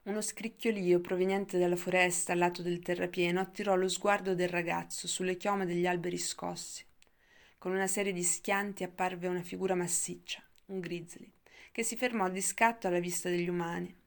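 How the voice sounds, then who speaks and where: A woman reading a novel aloud in a calm, measured narration. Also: on the low side. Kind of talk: audiobook narration.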